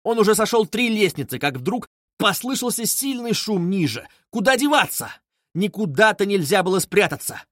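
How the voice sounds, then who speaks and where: A man reads classic fiction aloud with a dramatic delivery, his pitch rising and falling widely. The voice sits fairly high for a man and is recorded dry and close, with no room echo. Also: very animated, moderate pace, fairly bright tone. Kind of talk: literary audiobook narration.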